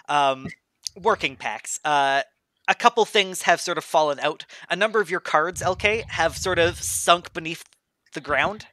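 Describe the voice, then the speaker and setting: A man's voice: a little high, sharp tone, no room sound. Hesitant man running a tabletop game. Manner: hesitant, many ums. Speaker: game master.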